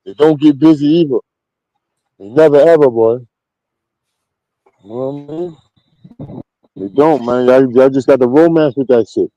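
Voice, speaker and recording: Here a guest on an interview spins casual street stories, a Queens native whose New York accent colors his blunt, slangy, emphatic delivery. He speaks at a measured pace with long pauses, his medium-pitched voice warm in tone. The audio is dry and sounds dull.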